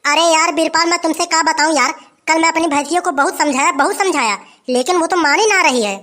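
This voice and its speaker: Performer playing village headman, dismissive, high and bright. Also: fast. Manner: dismissive, offhand. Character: lazy, dismissive middle-aged village headman.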